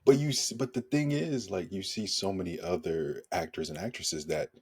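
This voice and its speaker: Deep husky man chatting about movies. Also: moderate pace. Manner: laid-back, laughs at his own jokes. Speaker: podcast co-host. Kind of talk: casual film discussion.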